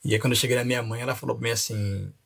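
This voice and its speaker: A man recounts his life story as a pastor on a podcast. His voice is gravelly and husky, lively in its storytelling and broken up by chuckles. He speaks in an easy, conversational way. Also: mid-range voice, very fast. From Rio de Janeiro. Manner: animated storyteller, laughs often.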